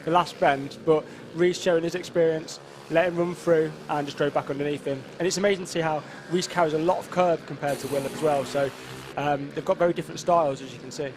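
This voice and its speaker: A man's voice: on the high side, fairly even intonation, fast. A man giving conversational motorsport commentary as the analyst, often restarting and repeating his words. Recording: noisy outdoor trackside sound. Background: vehicle and outdoor track noise.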